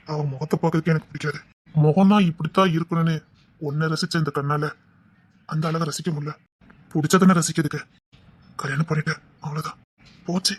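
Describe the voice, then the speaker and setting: Brief: a gentle, unhappily married young man, husky and quick, quiet and consoling. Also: fairly high pitch. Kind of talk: TV serial melodrama.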